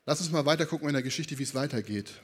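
A man's voice: on the high side, racing, slightly rough. A man preaching a sermon in a conversational way, often checking in with his listeners. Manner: conversational, with frequent tag questions and lively re-enacted quotes.

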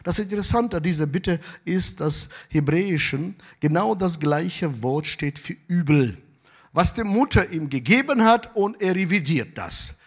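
A pastor preaching a sermon, moving between loud, emphatic exclamations and quiet asides. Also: male voice, high-pitched, animated, unhurried, husky.

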